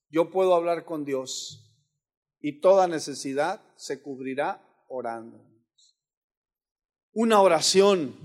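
A man preaching a sermon as pastor, swinging between rising shouts and sudden hushed asides. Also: on the high side.

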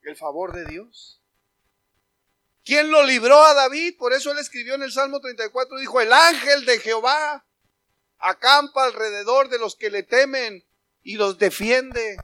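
A man preaches a passionate sermon, often shouting scripture and quoted lines. His voice sits high for a man. The sound is dry and close, with no room echo.

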